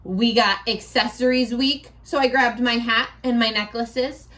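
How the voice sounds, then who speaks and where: During a read-aloud for young children, a woman on the high side speaks at a measured pace. She stays animated and playful, asking viewers questions and replying to answers she imagines them giving back.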